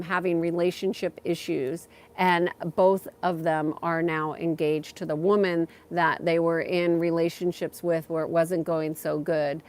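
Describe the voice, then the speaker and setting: A woman with a fairly low-pitched voice hosts a livestream as a spiritual guide. She chats informally and answers viewer questions, thinking aloud in a stop-and-start manner.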